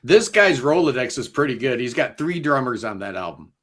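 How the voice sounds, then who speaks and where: A man hosts a casual podcast panel in a mid-range, sing-song voice with a breathy edge, speaking briskly. He's enthusiastic and jokey, loose with plenty of fillers.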